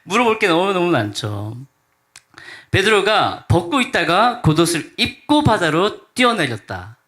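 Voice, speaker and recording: Lively Gyeongsang pastor preaching. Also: male voice, high voice, measured pace. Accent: Gyeongsang Korean. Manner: humorous storytelling, acts out quotes. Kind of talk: sermon. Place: church sanctuary during a service.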